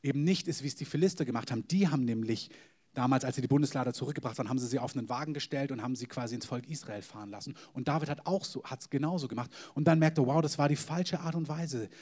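A man preaching a sermon to a congregation, emphatic, with sudden loud stresses and hushed, whispered asides. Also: medium pitch, quick pace. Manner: addresses the congregation directly.

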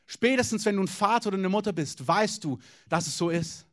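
A man's voice: sits high, animated, a little fast, a bit bright. A man preaching a sermon as pastor, talking directly and informally to the congregation with many questions.

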